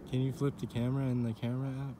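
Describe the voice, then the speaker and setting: A man vlogging on a hike, joking and a bit out of breath. He is recorded on a handheld phone outdoors, with loud noise in the background. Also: medium pitch, little pitch movement, rapid-fire. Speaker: vlogger hiking. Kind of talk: casual vlog chat. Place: outdoor hiking trail. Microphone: handheld phone camera.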